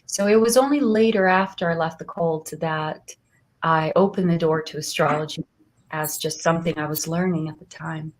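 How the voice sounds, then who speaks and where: A woman, an astrologer guest telling her story in an earnest, soft-spoken way. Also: low voice, normal speed. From Brazil. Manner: soft-spoken, earnest, laughs often, frequent restarts. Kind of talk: warm personal interview storytelling.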